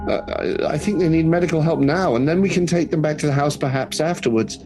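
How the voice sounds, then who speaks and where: A man's voice: on the high side, fast, a little mellow, faint music behind, voice pushed up, natural voice. A man voicing a frantic, ragged mother who stammers and stays overly polite. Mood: flustered. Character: frantic ragged mother clutching two sick children.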